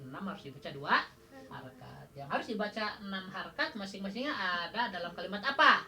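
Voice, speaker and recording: Sundanese-accented woman, Quran recitation teacher, crisp clear tone, informal classroom style, asks and laughs. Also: medium pitch, animated, sharp tone. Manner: quizzes students with questions, chuckles often; counts out drawn-out letters as demonstration.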